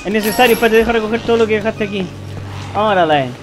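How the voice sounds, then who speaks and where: A young man with a Chilean Spanish accent, doing excitable, swearing co-op game commentary. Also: sits high, fast talker. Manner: excitable, swearing, yelling at his partner. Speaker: gamer. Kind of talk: co-op let's play commentary. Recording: game music behind.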